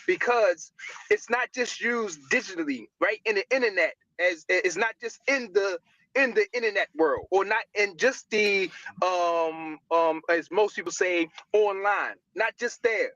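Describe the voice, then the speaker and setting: A man's voice: sits high, measured pace, pushed and bright, no echo. A man talking casually on a live stream, rambling, stumbling over words and tagging "right?" onto his points. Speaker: guest speaker. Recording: dull lo-fi audio.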